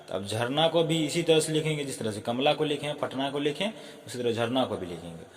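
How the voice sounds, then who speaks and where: A man teaching a casual spoken lesson in a mid-pitched voice. He relies on fillers, often stops to apologize and correct himself, and moves on. His voice rings out with a long reverb, as in a large, bare room. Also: lively intonation, fast.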